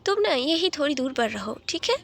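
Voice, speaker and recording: A protective young brother, quick to anger, coaxes his sister with stammering words, as a woman narrator plays him. The voice stays light and high. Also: sing-song, vocal fry, exaggerated voice. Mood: coaxing. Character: protective older brother, young man, hot-tempered.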